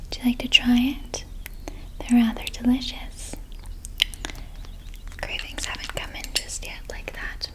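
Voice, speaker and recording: Slow, breathy whispered role-play fairy woman. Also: on the high side, flat delivery, darkish tone. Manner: soothing, unhurried. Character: gentle nurturing flower fairy befriending a newcomer.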